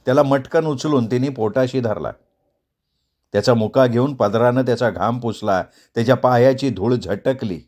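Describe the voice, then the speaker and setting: Expressive male storyteller. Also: medium pitch, normal speed. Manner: expressive, acts out dialogue voices. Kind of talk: storytelling narration of a novel.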